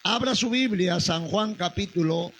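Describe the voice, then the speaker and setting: A man preaching a Bible study sermon as pastor, swinging between emphatic rising declarations and quiet questions to the congregation. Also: high-pitched, a little slow, a little hiss or hum, poor audio.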